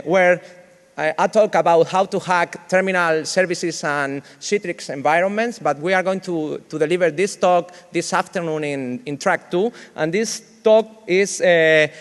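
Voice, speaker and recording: A man from Spain in his thirties with a Spanish accent, giving a humorous conference talk in halting English, self-deprecating and full of fillers. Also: fairly high pitch, clear, resonant tone, long reverb tail. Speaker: conference speaker. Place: large conference hall.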